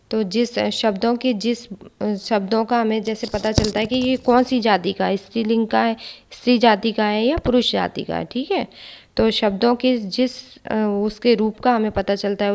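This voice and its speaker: A woman teaching a children's grammar lesson, patiently spelling out words letter by letter and often adding a quick check-in question. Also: mid-range voice, gravelly, a little mellow. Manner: often adds tag questions.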